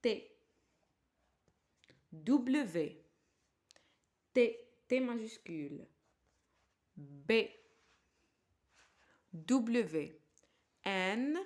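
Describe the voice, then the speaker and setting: A woman with an Algerian accent teaching a slow primary-school French lesson, spelling out letters and words clearly and translating into Arabic. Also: medium pitch, lively intonation, a little mellow.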